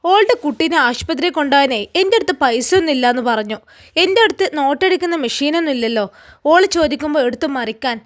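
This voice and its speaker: A stingy, scornful older mother-in-law scolds in a Malappuram accent, as a woman puts her on. The voice sits high and the tone stays mocking. It is a spoken storybook role. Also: animated, quick pace. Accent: Malappuram Malayalam.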